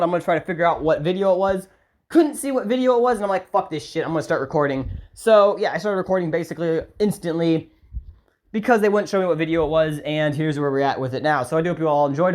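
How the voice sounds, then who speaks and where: A man angrily ranting to his viewers as a YouTuber, swearing heavily and firing off sarcastic rhetorical questions. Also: a little high. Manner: heated, profane, repeatedly swearing. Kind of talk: angry vlog rant to camera.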